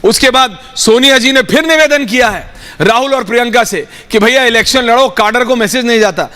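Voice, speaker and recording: A TV news anchor moderating a live panel debate, firmly cutting in to take back the floor. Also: female voice, fairly high pitch, a little fast, fairly bright tone, long reverb tail. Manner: firm, cuts in repeatedly to take back the floor.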